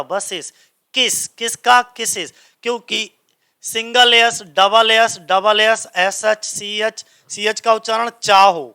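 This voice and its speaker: Guy teaching grammar, high bright voice, asks a question then answers it himself. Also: clean tone. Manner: repeats questions to the class and answers them himself. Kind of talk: classroom grammar lesson. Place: coaching centre classroom.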